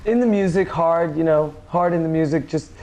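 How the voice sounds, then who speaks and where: High-voiced rambling New York rock musician. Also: male voice, normal speed, warm tone. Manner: rambling, loose, many fillers. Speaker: rock band member. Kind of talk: casual interview chat.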